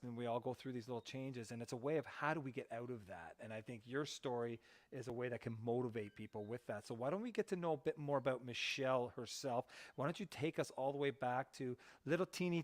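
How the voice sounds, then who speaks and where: A man hosting a podcast from Canada, asking friendly questions and chatting casually. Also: mid-range voice. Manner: friendly, chatty, laughs along. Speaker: podcast host.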